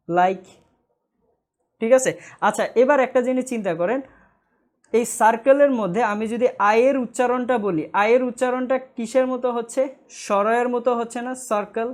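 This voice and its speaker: Female grammar teacher, slightly high voice, call-and-answer drilling, stern about pointless comments. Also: a little mellow. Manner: asks the class questions and answers them herself; repeats key points slowly. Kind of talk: online grammar lecture.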